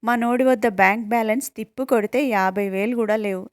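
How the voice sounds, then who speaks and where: A woman's voice: a little high, steady tone, a little fast, no echo, lightly acted. A worried young village man who speaks in a raised, complaining tone with a lilt, as a woman reads him out. The sound is dry and close.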